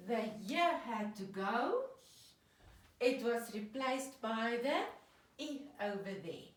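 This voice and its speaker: A woman teacher giving a children's reading lesson, patiently sounding out and clapping words. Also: fairly high pitch. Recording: echoey room, voice from a distance.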